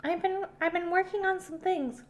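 A woman's voice: very high-pitched, steady tone, normal speed, reverberant. A woman playing a young science-obsessed boy who talks eagerly and stumbles over words. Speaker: improv comedian. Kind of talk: improvised comedy podcast.

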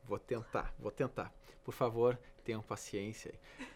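A man's voice: medium pitch, steady tone, unhurried. A man, a biology teacher guesting in a casual chat, friendly and self-deprecating.

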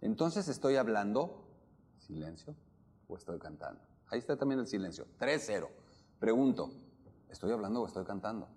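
A man with a Mexican accent giving a lively talk to a live audience, questioning listeners and acting out the melody of speech. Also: fairly low pitch, brisk. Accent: Mexican Spanish. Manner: animated, questions the audience, demonstrates intonation. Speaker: opera workshop lecturer.

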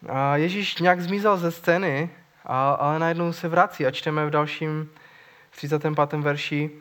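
A man's voice: fairly high pitch, fairly even intonation, fairly bright tone. A man preaching a sermon in an earnest, searching way, often repeating words as he thinks.

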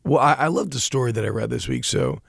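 A man's voice: mid-range voice, animated, quick pace, creaky, husky, no room sound, clean studio sound. A young man co-hosting a casual podcast, talking in a rambling, self-deprecating way with many restarts. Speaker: podcast co-host. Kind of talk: casual chat about a TV show.

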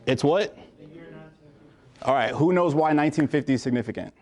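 A man's voice: on the high side, moderate pace, a little mellow. A man from the United States, a pharmacist in his thirties, giving a casual talk to pharmacy students in a lecture room, with lots of fillers and restarts. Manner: informal, many fillers and restarts. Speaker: guest speaker, pharmacist.

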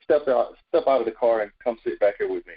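A man acting out a stern male highway cop who gives clipped, gruff orders. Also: fast, muffled recording, lightly acted.

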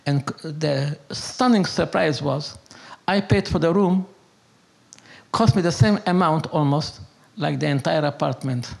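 An older man from Hungary, telling his life story in an interview, speaks with a fairly high, gravelly, creaky voice and an obvious Hungarian accent. His English is broken and halting, and he speaks off the cuff, storytelling and philosophizing in an unscripted, conversational way while repeating words for emphasis.

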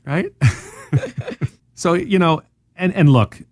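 A radio host with a Southern US accent explains markets on a financial talk show, animated and sarcastic, piling on rhetorical questions. His voice is high and his pace slow, recorded in studio quality with no room sound.

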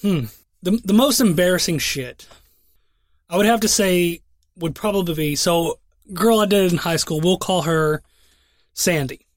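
A man's voice: high-pitched, a little slow, no room sound, clean studio sound. A young man co-hosting a podcast, telling a crude story in rambling, profane casual chat with lots of restarts. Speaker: podcast co-host.

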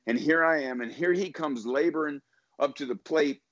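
A middle-aged man, a former baseball pitcher, telling a story as a podcast guest with emphatic, motivational delivery and repeated words when excited. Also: normal speed, crowd noise. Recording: dull lo-fi sound, dry.

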